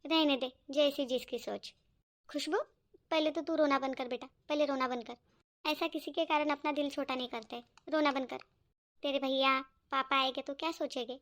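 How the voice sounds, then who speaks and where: A woman voicing a soothing middle-aged mother in a cartoon, speaking softly and consolingly. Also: sits high, steady tone, normal speed. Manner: soft, consoling. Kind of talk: cartoon voice acting.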